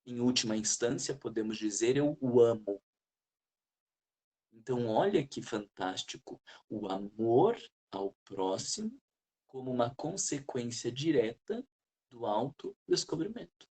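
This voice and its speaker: Leading a spiritual study group, a man talks earnestly and reflectively and poses questions to the group. His medium-pitched voice is expressive, a little slow, dark in tone, and slightly rough.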